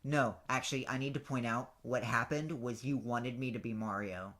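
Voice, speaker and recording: A man's voice: medium pitch, steady tone, moderate pace, a bit bright. Chatty man explaining step by step. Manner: explains step by step, restarts often. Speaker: podcast co-host. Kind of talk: casual storytelling chat.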